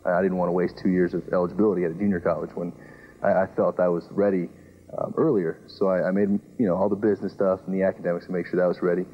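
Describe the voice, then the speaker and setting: A man being interviewed, quickly recalling how he got onto a team with some amusement. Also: sits low, little pitch movement, muffled recording. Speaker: football player being interviewed. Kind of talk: interview answer.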